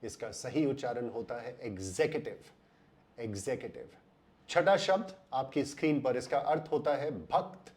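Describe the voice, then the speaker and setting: An Indian man records a teaching voice-over at a mid-range pitch. He explains step by step and slows right down to draw out the words he wants to stress, in the measured way of a lesson. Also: darkish tone. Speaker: English pronunciation teacher.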